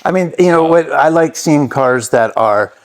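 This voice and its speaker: A man's voice: fairly high pitch, lively intonation, moderate pace. Joking, interjecting man in his fifties. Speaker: podcast guest. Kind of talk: casual podcast chat.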